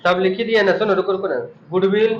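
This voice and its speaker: A man's voice: high-pitched, fairly even intonation, quick pace, noisy background. A man teaching an accounting class, explaining terms and quizzing his students with repeated questions. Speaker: commerce teacher. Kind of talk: classroom lesson. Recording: dull echoey room recording.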